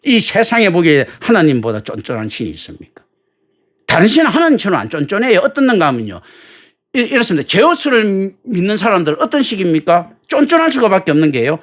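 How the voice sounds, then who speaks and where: A man's voice: high-pitched, wildly swooping pitch, fast. A male pastor preaching a sermon in a colloquial, joking way, full of rhetorical questions.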